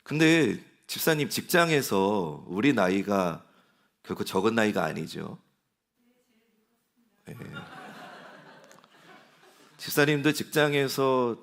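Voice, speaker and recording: A man's voice: fairly low pitch, a bit bright. A man in his forties, a pastor preaching a sermon in a conversational way and asking his congregation questions. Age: 40s. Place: church sanctuary.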